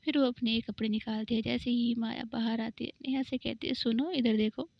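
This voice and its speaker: A woman's voice: a little high, level tone, fairly quick, vocal fry, dry recording. A woman telling a romance story in a chatty, informal way. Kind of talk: casual story narration. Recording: dull lo-fi recording.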